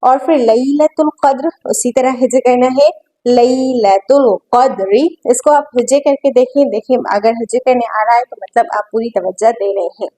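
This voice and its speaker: A woman teaching a tajweed lesson, patiently spelling out letters and vowels syllable by syllable and reciting slowly, with quicker stretches of explanation between. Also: a little high, fairly even intonation, dark tone, rough recording.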